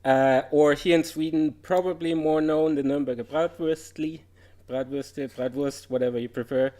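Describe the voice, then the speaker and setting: A man's voice: fairly high pitch, steady tone, normal speed, dark tone. A man, giving an informal presentation about his game development career, chatty and full of "uh" fillers. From Germany. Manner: chatty, with frequent "uh" fillers and light laughs. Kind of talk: informal conference talk.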